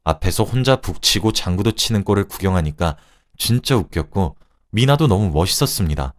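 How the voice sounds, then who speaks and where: A man reading a first-person story aloud in an expressive, conversational way. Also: sits low.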